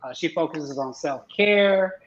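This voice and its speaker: A man talking casually as a guest on an online show, pausing often with ums and uhs. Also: fairly high pitch. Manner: hesitant, many ums and uhs. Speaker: guest husband. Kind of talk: casual video-call chat. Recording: roomy, dull lo-fi sound.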